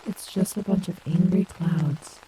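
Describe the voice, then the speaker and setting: A blunt, snarky female animatronic wolf, acted by a woman for an audio roleplay. She is quick-tempered yet protective, in a mid-range voice. There is noticeable noise behind her. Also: mid-range voice, warm tone, natural voice, rough recording. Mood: soothing. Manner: sarcastic, blunt.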